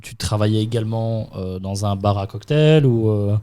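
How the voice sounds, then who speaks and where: A man's voice: lowish voice, moderate pace, dark tone, smooth. A man hosting a podcast, asking casual questions with lots of fillers and restarts. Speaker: podcast host.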